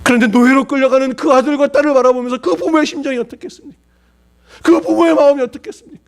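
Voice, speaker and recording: A man's voice: very high-pitched, steady tone, fast talker. A male pastor preaching a sermon, acting out pleading prayers and rhetorical questions with dramatic swings.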